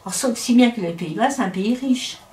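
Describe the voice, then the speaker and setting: A middle-aged Frenchwoman talks in a casual interview, opinionated and talkative, often breaking off and restarting her sentences. Her voice is a little high, brisk and mellow, with a roomy echo around it.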